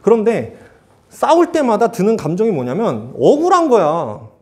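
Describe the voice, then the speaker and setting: A man's voice: high-pitched, wildly swooping pitch, moderate pace. A young man teaching at a youth church service, talking casually and asking the students questions. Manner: chatty, asks the students questions. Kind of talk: youth sermon.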